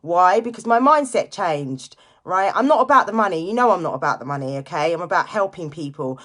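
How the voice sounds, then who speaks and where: Brisk and a bit bright, her voice sits on the low side and stays expressive. This woman in her late forties is a direct seller hosting a casual motivational live chat, speaking informally to listeners and repeating important phrases for emphasis.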